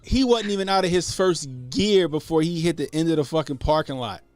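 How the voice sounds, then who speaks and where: A man's voice: on the high side, brisk, dry recording, faint music behind. A man in his late thirties from the Baltimore area, hosting a podcast and telling profane, laid-back stories in casual chat. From Baltimore area, USA. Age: 30s. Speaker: podcast host.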